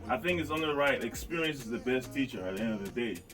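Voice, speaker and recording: A man from Cameroon, a rapper, chatting as a radio guest in a relaxed, rambling storytelling way. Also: mid-range voice, fast, far from the mic, over music. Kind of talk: casual interview chat.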